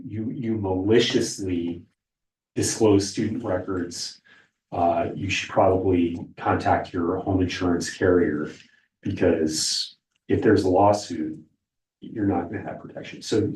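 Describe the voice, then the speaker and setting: A man's voice: deep voice, darkish tone. A man gives an informal legal training presentation to a board, speaking as its lawyer. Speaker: lawyer briefing a school board. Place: public board meeting room. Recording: echoey meeting room, far from mic.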